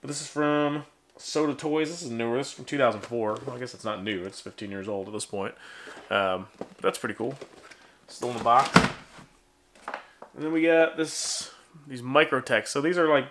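A man in his thirties hosts a toy collecting video, chatting casually as he digs through vintage figures. His voice sits at an ordinary middle pitch, and he rambles with plenty of ums and jokes at his own expense. A faint noise runs under the recording. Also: steady tone, normal speed, pauses often, a bit bright. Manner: rambling, self-deprecating, lots of ums. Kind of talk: casual unboxing chat. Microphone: handheld camera, then on a tripod.

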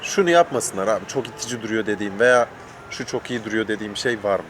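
A man's voice: lowish voice, fast talker, a bit bright. Joking man interviewing outdoors, street noise. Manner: joking, teasing. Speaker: host interviewer. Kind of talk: casual outdoor chat interview. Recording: clear outdoor traffic and vehicle noise. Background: urban outdoor ambience with vehicles.

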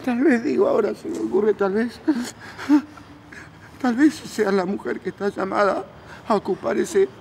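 An actor playing a melodramatic, self-pitying widower who pleads theatrically and repeats himself, in a telenovela. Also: male voice, high-pitched, normal speed, vocal fry, darkish tone, a little hiss or hum. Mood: sentimental. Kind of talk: telenovela acting.

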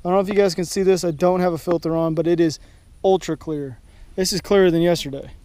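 A young man from Texas in a kayak on an open lake, talking excitedly to viewers as he fishes, recorded on a head-mounted action camera. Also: sits high, fast, no room sound. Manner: excitable, talks to viewers while fishing. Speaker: fishing vlogger. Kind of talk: casual first-person fishing commentary.

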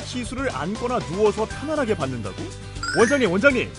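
A man's voice: high voice, big pitch swings, quick pace. A man narrating a TV magazine segment in a playful way, exclaiming and reacting with surprise. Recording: over loud background music.

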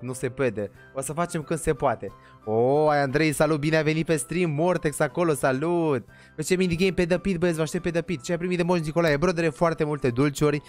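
Energetic young man greeting stream viewers. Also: a little high. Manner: energetic, rattles off viewer names; says he talks more quietly than usual. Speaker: livestream host. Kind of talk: casual livestream chat greeting viewers.

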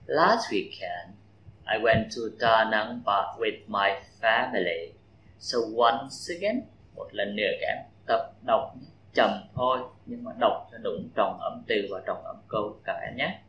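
Male teacher from vietnam, slow stressed reading, low voice, faint background noise. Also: animated, reverberant, dull audio. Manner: slow, stressed model reading in English, quick explaining in Vietnamese. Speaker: English teacher. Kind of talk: classroom pronunciation drill.

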